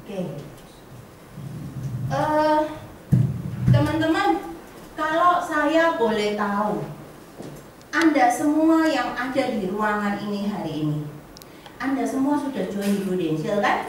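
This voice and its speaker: A woman, giving a lively seminar talk to an audience and acting out the voices in her stories. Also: a little high, slow, long pauses. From Indonesia. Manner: animated, acts out dialogue in voices, laughs often. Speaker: motivational speaker to insurance agents. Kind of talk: live seminar talk with storytelling. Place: meeting room with audience. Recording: echoey room, distant mic, faint noise.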